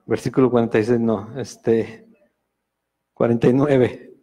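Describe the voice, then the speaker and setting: A Mexican pastor leads a Sunday Bible study, speaking Spanish in a relaxed conversational way. He often pauses on fillers and corrects himself as he goes. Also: mid-range voice. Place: church meeting room.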